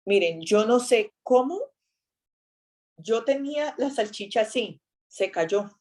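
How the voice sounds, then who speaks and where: A woman giving a casual faith talk, chatty and animated as she tells an anecdote. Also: fairly high pitch, unhurried.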